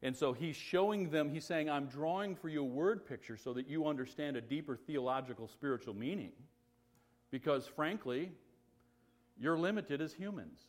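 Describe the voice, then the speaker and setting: A man preaching a sermon as pastor, mixing loud, excited exclamations with quiet, conversational teaching asides and humor. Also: fairly high pitch, normal speed.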